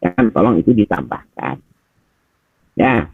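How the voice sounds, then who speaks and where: The speaker is a middle-aged teacher trainer whose low, husky voice has a sing-song lilt and a measured pace. Offering conversational feedback over a tinny, echo-free video call, he addresses Pak and Bapak Ibu and frequently asks rhetorical questions.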